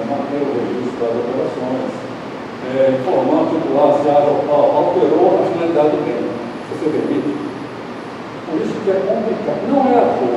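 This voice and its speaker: A man's voice: on the high side, lo-fi sound. An older man giving a conversational lecture on law to an audience, often checking in with tag questions. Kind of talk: lecture on data protection law. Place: large hall with audience. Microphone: handheld mic, filmed from far back. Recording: echoey hall from far off, noisy.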